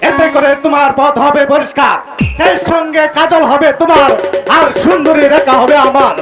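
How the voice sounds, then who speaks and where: A man's voice: very high voice, fairly even intonation, normal speed, loud music behind the voice. A man acting a scheming, lustful villain in folk stage theatre, gloating in declamatory phrases.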